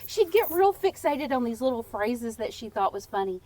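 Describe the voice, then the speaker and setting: A woman from Texas, a podcast guest telling casual, playful stories in a lively way. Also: fairly high pitch, normal speed. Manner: lively, playful and warm-humored. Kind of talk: casual storytelling.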